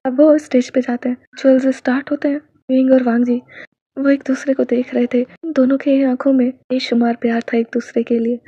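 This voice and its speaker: A woman with a high, mellow voice reading fan fiction aloud, chatting with her listeners between scenes. The sound is dry and a bit dull, as from a simple home setup. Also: flat delivery, a little fast, slightly rough, no room sound. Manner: chatty, addresses listeners directly. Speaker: storyteller.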